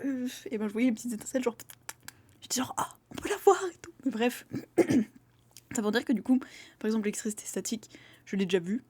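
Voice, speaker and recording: A young woman talking at a rapid clip in a loose, rambling monologue. She leans on fillers and slips into little acted-out quotes of other people as she goes. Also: mid-range voice, dark tone. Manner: rambling, filler-heavy, acts out quoted voices. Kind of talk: casual spoken monologue.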